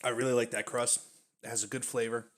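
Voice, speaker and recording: A man's voice: mid-range voice, little pitch movement, fast, fairly bright tone. A man casually reviewing snack foods on his stream, chatty and full of fillers, sometimes talking with his mouth full. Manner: chatty, uses many fillers, talks while chewing.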